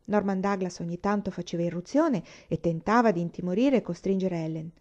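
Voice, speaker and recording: A woman narrating a novel aloud in a measured, expressive audiobook reading. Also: fairly low pitch, dull audio. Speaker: audiobook reader.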